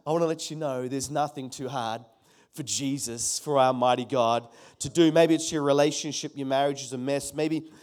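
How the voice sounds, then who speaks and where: Here a pastor, a middle-aged man, gives an emphatic sermon in a medium-pitched, darkish voice at ordinary speed. He leans on repeated key phrases and urges his congregation to reply.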